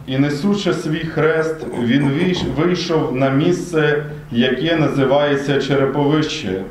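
A man narrating the Passion in a Good Friday service with a steady reading cadence. His voice sits a little high and rings out in a very echoey church.

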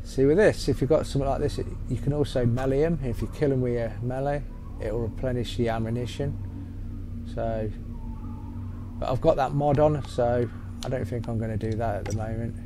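A man's voice: mid-range voice, fairly even intonation, brisk, noisy background. A man giving a loose, rambling gameplay walkthrough as he plays. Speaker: gaming channel host. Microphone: voice-over on gameplay capture. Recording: game music loud behind voice. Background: game music.

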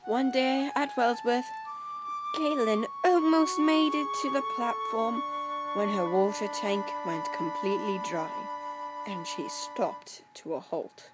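A woman narrating a toy-train story in a plain, unhurried storytelling manner. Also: a little high, loud music behind the voice.

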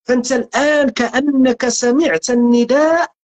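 Here the Moroccan-accented man's voice is very high-pitched yet darkish, holding a steady tone at a moderate pace. As a religious guest giving spiritual teaching, he stays earnest and emphatic, circling back to phrases to drive each point home in a preaching style.

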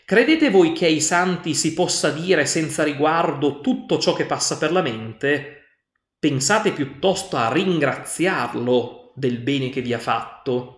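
A fearful, fussy old village priest scolds in a higher, anxious voice, as a man reading aloud puts him on. He speaks slowly and fretfully. The sound is roomy and echoing. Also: expressive. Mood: scolding. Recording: roomy echo.

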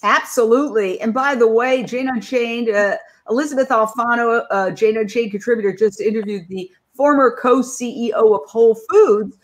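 A woman's voice: on the high side, moderate pace, hardly any pauses. Chatty woman hosting a video call. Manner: chatty, asks guests questions by name. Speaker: panel host. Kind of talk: video call panel discussion.

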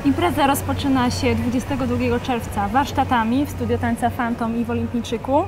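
A young woman coordinating a dance event, answering interview questions in a lively way. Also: fairly high pitch, a little fast, music in the background. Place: studio set in a shopping mall. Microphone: lapel.

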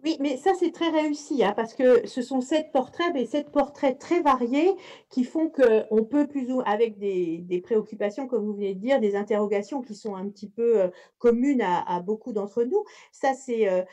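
A woman's voice: on the high side, normal speed, dark tone. A woman moderating a literary panel, speaking with frequent hesitations. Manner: hesitant, many fillers.

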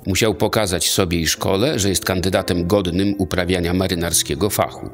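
A man reading scripted documentary narration in a measured, formal way. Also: low-pitched, steady tone. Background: soft music.

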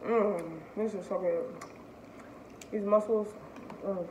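A woman's voice: medium pitch, fairly even intonation, slow. A woman hosting a casual food challenge vlog, chatting to viewers. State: teary from spicy food. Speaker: vlogger. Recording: roomy, slightly dull, faint noise.

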